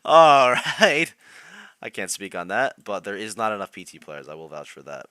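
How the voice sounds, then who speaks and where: A man's voice: sits low, fast talker, sharp tone, dry recording. A young man on a live stream, chatting casually about competitive players and reacting to chat, laughing often.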